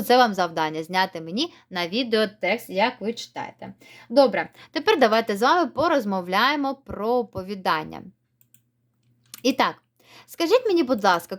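A woman teacher giving a recorded reading lesson for children, speaking in friendly, encouraging instructions. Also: medium pitch. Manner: slow, clear word-by-word dictation.

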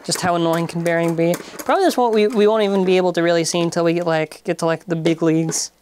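Testing toys on camera, a woman rattles off casual remarks fast, tripping over words, starting over, and filling gaps with fillers. Her voice is lowish and fairly even in tone. The recording carries loud noise and clicking in the background.

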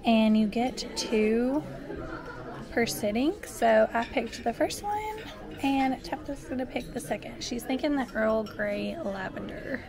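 A woman's voice: fairly high pitch, lively intonation, a little slow, a crowd in the background. A young woman chatting to her camera while walking outdoors, casual and upbeat. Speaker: vlogger. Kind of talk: casual vlog chat. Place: outdoors on a city street. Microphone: handheld camera at arm's length.

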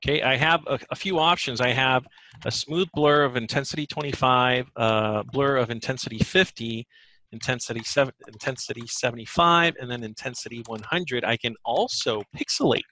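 A man working as a software trainer, giving a live screen-share demo in a webinar and thinking aloud as he goes. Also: mid-range voice, moderate pace, poor audio. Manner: thinks aloud while demonstrating.

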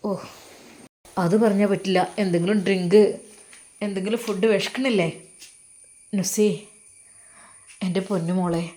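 A loving young husband, as a woman storyteller voices him, soft and coaxing. His words come low and quiet, full of remorse, with none of the wife's high pitch. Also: close to an everyday voice.

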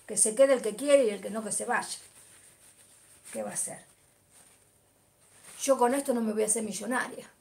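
A woman's voice: on the high side, fast talker, hardly any pauses, a little mellow. A middle-aged woman with an Argentine Spanish accent, chatting casually on a livestream, greeting viewers by name and talking animatedly about football. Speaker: livestream host. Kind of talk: casual live chat reading comments.

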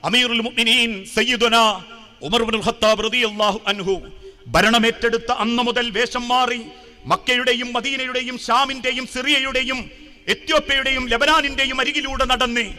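A man with a Malayali accent preaching an emotional sermon, telling a story with dramatic swells and hushed drops. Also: very high voice, steady tone, moderate pace. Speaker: Islamic preacher. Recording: long hall reverb.

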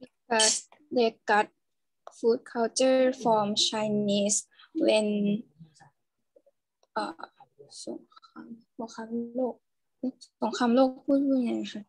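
A Thai woman student speaking English hesitantly, pausing to search for words. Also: fairly high pitch, fairly even intonation, no echo, poor audio.

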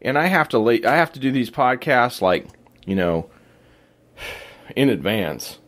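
Hoarse man with a lively voice. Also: medium pitch, measured pace. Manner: laid-back, slangy, self-deprecating. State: hoarse, raspy voice. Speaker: podcast host. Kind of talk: casual faith podcast talk.

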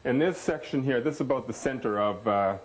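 A man's voice: mid-range voice, a little fast, poor audio. A man, a cabinet installer, explaining the layout in casual, matter-of-fact chat in a kitchen under renovation.

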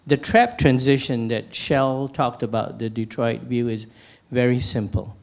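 A middle-aged man from Malaysia moderating a panel on stage in a large hall, speaking into a handheld mic in a measured, anecdotal way with frequent restarts. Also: medium pitch, creaky. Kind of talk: panel discussion, posing questions. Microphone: handheld microphone.

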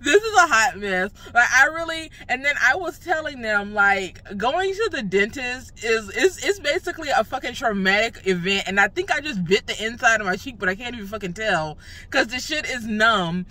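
Sitting in her car after dental work, a young woman vlogs with slurred speech from her numb, swollen mouth, ranting casually, cursing freely, and laughing at her own state. Her voice is a little high, animated, pushed and bright, at a moderate pace.

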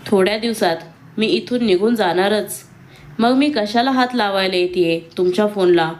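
A woman voicing a timid, hesitant young woman in a read-aloud romance story, speaking with soft pleading. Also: medium pitch, normal speed, a little hiss or hum, lightly acted. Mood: hurt.

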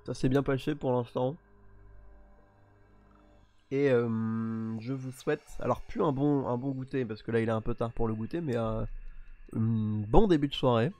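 A man streaming a solo tabletop game, reading dark narration aloud and breaking off for playful, mock-defensive asides. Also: mid-range voice, moderate pace, no echo, faint music behind.

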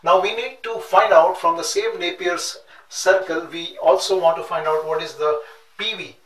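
This nautical science instructor, a middle-aged man, has a high, steady, fairly bright voice as he methodically walks through calculations on a chalkboard, saying numbers slowly while writing. The classroom sounds echoey; a distant room mic catches him off-mic, back often turned, with clear noise.

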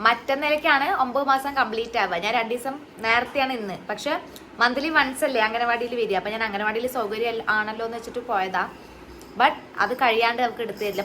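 A young woman talks quickly and emotionally into her phone camera, chatting straight to her viewers. Her voice sits a little high. Faint background ambience comes through the recording. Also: bright, forceful tone, slight background noise, rough recording. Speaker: vlogger and mother. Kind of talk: casual vlog chat.

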